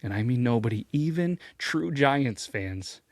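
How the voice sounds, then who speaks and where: Animated man hosting a sports countdown. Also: measured pace, dry recording, clean studio sound. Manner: animated, jokey, pitch swings when excited. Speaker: host. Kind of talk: energetic sports commentary.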